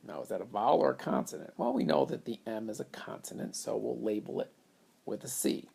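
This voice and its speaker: Man teaching phonics in a gravelly voice. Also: lowish voice, big pitch swings, a little fast, a little mellow. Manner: patient step-by-step explaining. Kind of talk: phonics lesson at a whiteboard.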